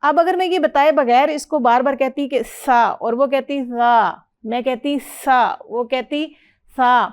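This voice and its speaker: A middle-aged woman, teaching Quran reading and drilling letter sounds with a student. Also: high voice. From Pakistan. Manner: patient, explanatory, models letter sounds clearly and praises.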